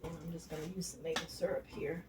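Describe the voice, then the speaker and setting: A woman's voice: deep voice, little pitch movement, fast talker. A woman chatting homily as she cooks in her home kitchen, showing how it's done. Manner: chatty and homey, talks while cooking. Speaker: home cook. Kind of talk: casual cooking demonstration. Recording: noisy kitchen with clattering dishes. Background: pans and dishes clattering.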